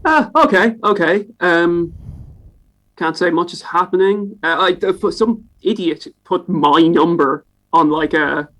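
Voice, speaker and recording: A man's voice: sits high, measured pace, fairly bright tone, rough recording. A man co-hosting a podcast from home, telling rambling stories with plenty of swearing. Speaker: podcast co-host. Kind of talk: casual podcast chat. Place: home, in Edinburgh.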